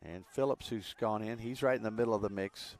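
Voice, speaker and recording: A man doing live play-by-play commentary on a youth soccer match, relaxed and chatty with frequent fillers. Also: on the low side, fairly quick.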